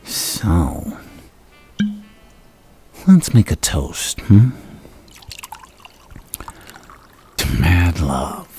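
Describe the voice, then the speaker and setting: A man playing a deranged, lovestruck supervillain in an ASMR roleplay, gravelly and breathy, halting and theatrical, often sinking into a whisper. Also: low voice, very animated, mellow, faint music behind, heavily acted. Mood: grandiose, infatuated. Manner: halting, theatrical, menacingly courteous. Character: the Joker, deranged lovestruck male supervillain on a date.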